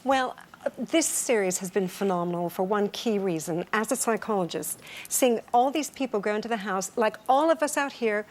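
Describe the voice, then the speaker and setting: A woman's voice: mid-range voice, normal speed. A woman appearing as a psychologist guest and analysing with articulate enthusiasm. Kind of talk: studio interview.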